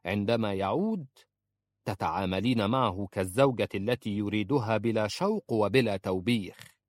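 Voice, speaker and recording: A man voicing a sharp-tongued older woman who scolds and protects a young woman, with a sarcastic, blunt manner. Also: fairly low pitch, moderate pace, no room sound, lightly acted. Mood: scolding. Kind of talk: audiobook character voice.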